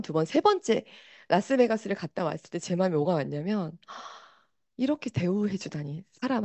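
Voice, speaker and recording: A woman giving an animated motivational talk, speaking directly to her audience on a microphone. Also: mid-range voice, dry recording.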